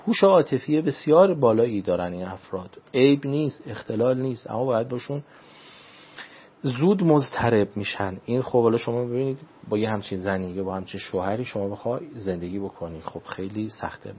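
A man speaking as a religious adviser on a talk show, in a formal, measured way, often repeating set phrases. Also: mid-range voice, husky, highs cut off. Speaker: religious speaker giving advice. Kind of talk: radio talk show guest.

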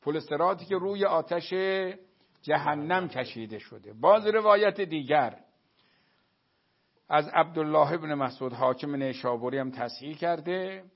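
Male religious lecturer, higher-pitched, storytelling delivery with measured Arabic recitation; lo-fi, dull recording. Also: lively intonation. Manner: storytelling, addresses listeners as dear friends; recites Arabic quotations slowly.

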